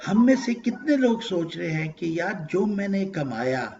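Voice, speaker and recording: Animated male lecturer, high lively voice. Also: gravelly, dull audio, slight background noise. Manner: emotional, swings from loud to hushed, quotes verses in Arabic. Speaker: Quran lecturer. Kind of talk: religious lecture.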